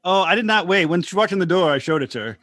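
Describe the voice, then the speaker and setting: High-voiced quick-talking man, dry sound. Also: lively intonation, a bit bright, dry recording. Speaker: podcast co-host. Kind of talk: casual anecdotal chat.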